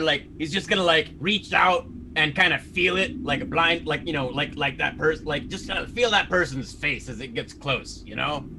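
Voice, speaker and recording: Bright-voiced, rambling man. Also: fairly high pitch, creaky, a little hiss or hum. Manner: rambling, many "like" and "you know". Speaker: player. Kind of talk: describing his character's actions in a tabletop game.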